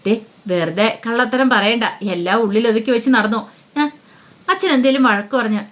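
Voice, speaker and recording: A woman's voice: fairly high pitch, lively intonation, fairly quick, natural voice. A woman putting on a curious, caring young girl. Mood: coaxing.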